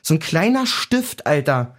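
A fairly high-voiced man in his thirties from Germany, telling a story on a casual podcast. He talks in slang, his pitch swings around, and he shouts out the quoted lines. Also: measured pace. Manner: slangy, animated, acts out quotes loudly. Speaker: podcast host telling an anecdote.

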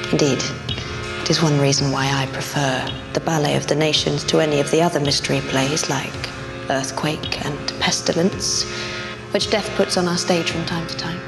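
A woman's voice: low voice, steady tone, moderate pace, gravelly, music in the background. A woman playing a grandiose, theatrical Satan in a dramatic reading of an allegorical play, drawing out the words. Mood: grandly sly. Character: Satan, theatrical connoisseur addressing creatures about war's ballet.

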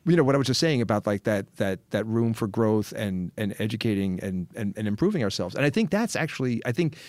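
A man's voice: fairly low pitch, expressive, fast, darkish tone, no room sound. A middle-aged man co-hosting a podcast, talking in a reflective, rambling way with frequent restarts. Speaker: podcast co-host. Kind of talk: casual chat.

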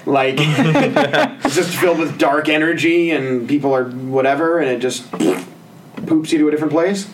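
A man's voice: fairly high pitch, lively intonation, moderate pace, distant mic, noisy background. A man co-hosting a casual movie-review podcast, sarcastic and swearing, mimicking characters' lines. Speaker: podcast co-host.

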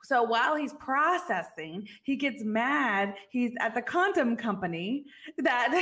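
Podcast co-host, woman, casual and chatty, laughs often, slightly high register. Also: animated, slow, fairly bright tone. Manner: chatty and giggly, many fillers. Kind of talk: casual chat recapping a TV episode.

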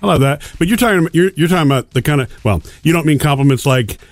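A man's voice: on the high side, animated, fast talker, dry recording, clean studio sound. A man co-hosting a casual radio show, playful and teasing. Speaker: radio co-host.

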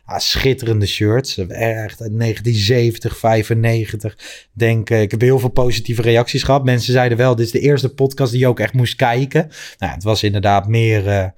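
A man hosting a podcast in a casual, relaxed chat, reading out listener messages. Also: medium pitch, moderate pace. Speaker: podcast host.

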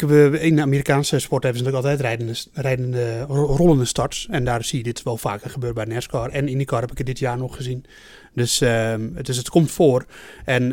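A man's voice: medium pitch, a little mellow, dry recording. Male co-host, analytical chatter, lots of "eh" and restarts, dry close mic. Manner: explains at length with many fillers and restarts. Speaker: podcast co-host. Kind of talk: casual analytical chat.

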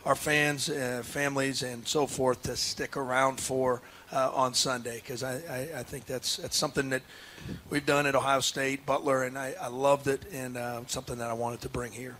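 A man's voice: mid-range voice, little pitch movement, normal speed, bright, forceful tone, slight background noise. A man, a head basketball coach, talking earnestly in a casual radio interview, with many restarts and fillers. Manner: earnest, emotional.

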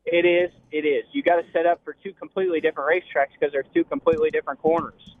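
A man talking on the phone while driving, as a racing driver in a casual interview, halting and repeating words with many fillers. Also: fairly high pitch, steady tone. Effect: heard over a phone line. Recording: tinny dry phone line.

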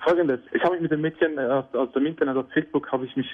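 Austrian male caller, excitable and giggly, husky voice, tinny phone line. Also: a little high, very fast. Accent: Austrian German. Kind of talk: telling an anecdote on air.

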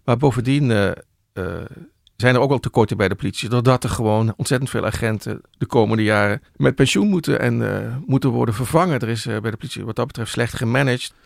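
A middle-aged male journalist explaining things in conversation, thoughtful and often pausing with hesitations and restarts. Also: mid-range voice, vocal fry, dry recording, clean studio sound. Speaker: journalist guest.

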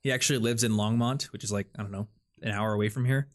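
A man's voice: on the low side, steady tone, fast talker. Young man chatting about money. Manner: rambling, filler-heavy, thinks aloud. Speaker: podcast host. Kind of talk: casual chat.

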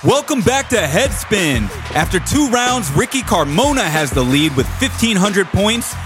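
A man's voice: sits high, sing-song, a little slow. A man hosting a quiz show in a big prize-announcer delivery. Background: music.

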